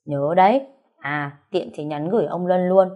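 A woman's voice: lowish voice, lively intonation, moderate pace, phone-quality sound, lightly acted. Woman doing a blunt, bossy best friend. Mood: pushy. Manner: frank, teasing.

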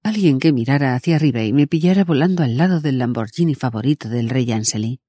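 A man voicing a defiant, sharp-tongued young woman in an audiobook, brusque and scornful and quick to swear. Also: mid-range voice, no room sound, studio quality, lightly acted. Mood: flustered. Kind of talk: audiobook character voice.

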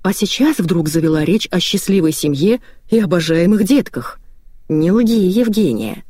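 A woman voicing a weary, stern elderly grandmother who scolds calmly. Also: lowish voice, moderate pace, husky, dry recording, clean studio sound.

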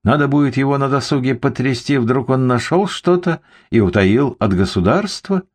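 A man's voice: mid-range voice, normal speed, pitched above the performer's own voice, lightly acted. A man voicing a terse police investigator who speaks in curt, clipped, grumbling phrases in an audiobook. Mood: curt, stern.

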